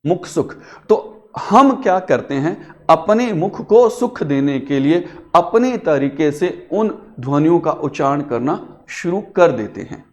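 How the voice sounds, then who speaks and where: A man's voice: fairly high pitch, animated, a little slow, a little mellow. A man teaching a grammar lesson in a classroom, coaxing his pupils with questions that he answers himself and calling them beta. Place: classroom with a digital board.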